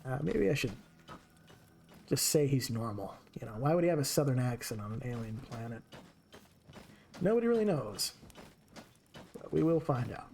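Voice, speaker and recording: A man's voice: medium pitch, big pitch swings, moderate pace, vocal fry, pauses often, a little mellow, a little hiss or hum. A man streaming a game with casual commentary, chatting to his characters as he plays.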